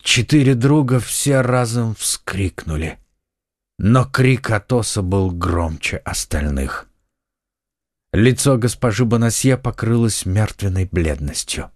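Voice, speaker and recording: A man narrating an audiobook in a measured, dramatic way. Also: on the low side, dry recording, studio quality. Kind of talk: scripted narration.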